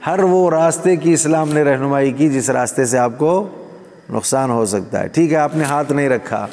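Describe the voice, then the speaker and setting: An Islamic preacher with a fairly high, darkish voice delivers a sermon to a live gathering in a hall. He asks rhetorical questions and speaks directly to the audience, and the recording carries a long hall reverb.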